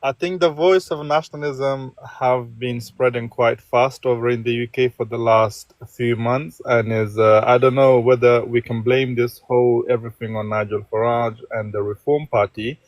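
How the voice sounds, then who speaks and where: A man from Afghanistan calls in to a live stream with a long opinion. He rambles and fills his pauses with uh and um. The recording is dry and close. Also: medium pitch, fairly even intonation, no echo, low-quality recording. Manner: rambling, many fillers and restarts. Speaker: caller.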